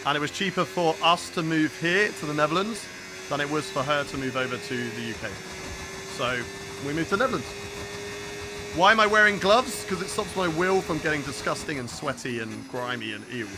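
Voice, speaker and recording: In a low-quality recording, a young British streamer with a somewhat high, animated voice talks a little fast. He casually comments on his racing game, reacting aloud and responding to chat, as clear car sounds from the game play behind.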